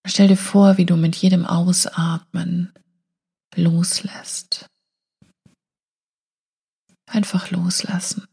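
A woman guiding a hypnotic meditation in a slow, soothing hypnotist voice, breathy and often falling near a whisper, with long pauses. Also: on the low side, flat delivery, mellow. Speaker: meditation guide and show host.

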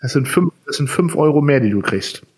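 A man's voice: medium pitch, lively intonation, a little fast, a little mellow. A man from Germany co-hosting a casual cooking podcast, explaining things step by step with lots of fillers. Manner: explains with figures, many fillers. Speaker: podcast co-host.

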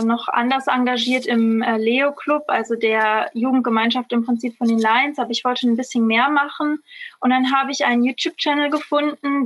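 A woman in her twenties with a high, slightly bright voice, appearing as a guest on a podcast. She's a medical student who speaks thoughtfully in a casual interview, using plenty of filler words.

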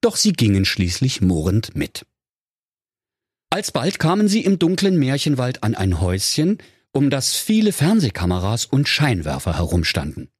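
A man's voice: medium pitch, wildly swooping pitch, normal speed, slightly rough, dry recording, studio quality. A man narrating a comic fairy tale in an ironic, playful way. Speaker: storyteller.

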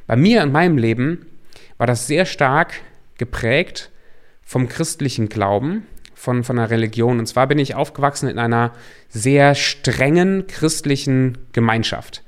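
A man's voice: mid-range voice, measured pace. A man from Germany, a coach hosting a podcast, talking earnestly and reflectively to the listener in a personal monologue.

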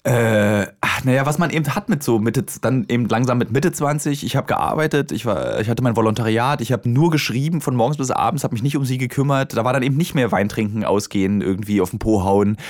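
A man at an everyday middle pitch recounts a personal tale as a guest. He is candid and pokes fun at himself. His telling is loose, full of fillers and false starts. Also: lively intonation, fast talker, few pauses. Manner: self-deprecating, lots of fillers and restarts. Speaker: podcast guest.

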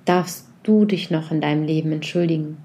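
A woman with a low-pitched voice leads a guided reflection, asking the listener a series of gentle questions. She speaks softly and unhurriedly, though at a fairly quick pace.

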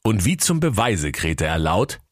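A man narrating a comic fairy tale in a dry, deadpan way. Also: low voice, a little slow, no echo.

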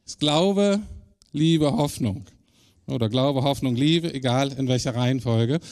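A man preaching a sermon in a conversational way, speeding up and slowing down for emphasis. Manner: conversational preaching, shifting pace and pitch for emphasis. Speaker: pastor.

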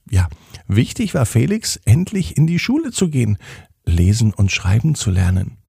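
A man reading a children's story aloud with gentle, expressive storytelling. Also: creaky, breathy edge, no echo, clean studio sound. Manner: gentle, expressive storytelling with playful pitch swings.

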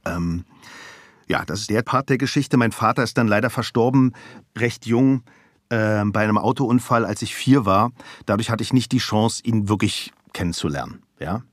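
In clean studio sound with no room sound, a man from Germany in his fifties speaks at a moderate pace in a lowish voice. He's a voice actor appearing as a podcast guest, relaxed and open as he recounts a personal story in casual interview chat, with frequent fillers.

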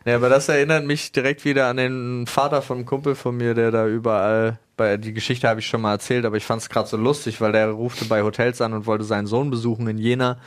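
A man's voice: mid-range voice, level tone, fast, few pauses. Man telling a funny anecdote in chat. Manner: laughs easily, tells stories with acted bits. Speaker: podcast co-host.

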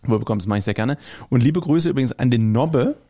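A man's voice: mid-range voice, expressive, brisk, warm tone. A man co-hosting a casual podcast chat with a German accent, telling rambling anecdotes and often correcting himself mid-sentence. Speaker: podcast co-host.

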